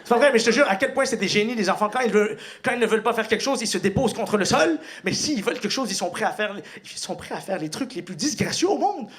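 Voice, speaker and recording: A young man with a Quebec French accent doing a stand-up routine in a comedy club, animated and breaking into shouted impressions. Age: young adult. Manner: animated, bursts into shouted high-pitched impressions. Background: audience laughter.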